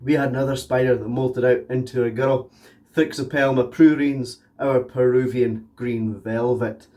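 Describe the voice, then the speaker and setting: A man presents a casual pet vlog in a mid-pitched voice. He sounds stuffed up, as if his throat and tonsils are swollen from hay fever. His delivery is chatty and explanatory, aimed straight at his viewers. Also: fairly even intonation, normal speed, mellow. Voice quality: thick, congested voice. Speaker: tarantula keeper and video host.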